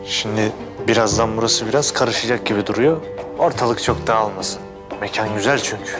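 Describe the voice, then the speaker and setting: An actor playing a hot-tempered young man who insists he is calm while he threatens people, in a TV drama. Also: lowish voice, moderate pace, close to an everyday voice. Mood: blustering. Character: short-fused young man, blustering tough. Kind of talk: TV drama acting. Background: background music.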